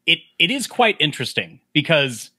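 A podcast host leads a casual film discussion with an animated delivery, acting out lines from the movie in a breathy whisper. His voice is fairly high and moves at a normal speed, with no echo.

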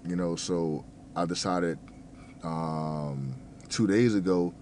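Slow and a little mellow, the speaker's very deep, low-pitched voice comes out slightly mumbled. He's a thirty-something from New Jersey, a restaurant manager and fitness vlogger, who rambles, stumbles, fills gaps and curses casually. There's a faint hum in the background.

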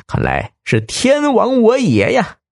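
A man's voice: very high voice, wildly swooping pitch, slow pace, gravelly, no echo, studio quality, voice pushed up, exaggerated voice. A man playing a desperate, cornered captive. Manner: desperate, shouting. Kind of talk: audiobook character voice.

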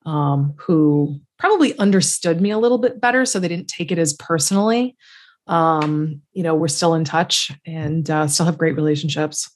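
A middle-aged woman, a marketing entrepreneur, talking casually as a podcast guest and acting out her old sales pitches in lively little bits. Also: moderate pace. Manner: animated storyteller who acts out her own cold-call pitches. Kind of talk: casual interview conversation.

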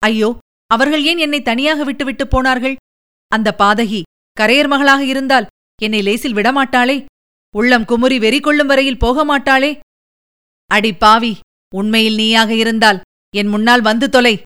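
A woman's voice: on the high side, steady tone, normal speed, long pauses, fairly bright tone, clear, resonant tone, close to an everyday voice. A woman voicing an aging king who is haunted by a ghost, pleading in anguish, within a narrated audiobook.

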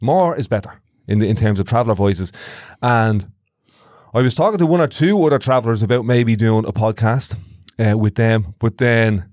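A man's voice: on the low side, moderate pace, darkish tone, dry recording, clean studio sound. An Irish-accented man talking casually and reflectively as co-host of a podcast.

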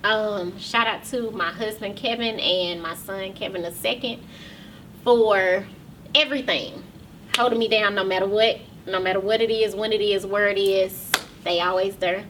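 Bright-voiced woman host, near tears. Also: mid-range voice, fairly even intonation, far from the mic, slight background noise. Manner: loose and chatty, with many ums and pauses. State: close to tears. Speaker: podcast and talk show host. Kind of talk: casual address to viewers.

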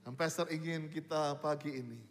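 Pastor, male, high voice, emphatic sermon delivery, long hall reverb. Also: steady tone, faint music behind. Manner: mixes English phrases, emphatic preaching with drawn-out words.

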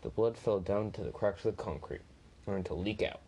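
Man, story reading, low voice, dark tone, small restarts. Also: a little fast, slightly rough, low-quality recording. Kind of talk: reading a first-person story aloud.

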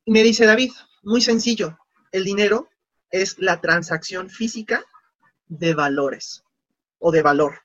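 A man's voice: high-pitched, unhurried, dry recording, lo-fi sound. A man, casually telling stories in an interview and acting out the dialogue. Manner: animated, acts out quoted dialogue. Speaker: guest.

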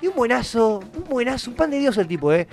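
A young man with an Argentine Rioplatense accent, chatting casually as a podcast host and telling an animated story full of acted-out quotes. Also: very high-pitched, fast talker, faint music behind. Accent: Argentine Rioplatense Spanish. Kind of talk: casual chat.

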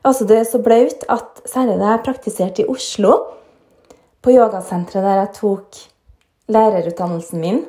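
A woman's voice: medium pitch, dark tone. A woman yoga teacher telling personal stories in a casual, frank monologue, often checking in with little tag questions. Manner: chatty, frank, often tags lines with "sant?". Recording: roomy echo.

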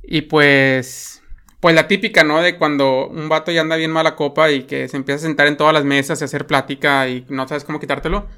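Bright-voiced Mexican man, rambling film chat. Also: on the high side, steady tone, fairly quick, clean tone. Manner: rambling, many fillers and tag questions. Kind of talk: casual film discussion.

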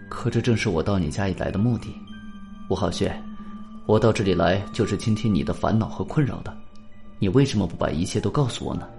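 A man narrating a suspense audiobook in the first person, calm, measured and earnest. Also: deep voice, creaky. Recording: faint background music.

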